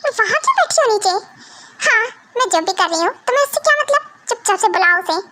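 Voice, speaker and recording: A woman's voice: extremely high pitch, animated, fast, pushed and bright, slight background noise, heavily acted. A woman voicing a jealous, defiant young wife who argues tearfully and stubbornly in an amateur fan dub.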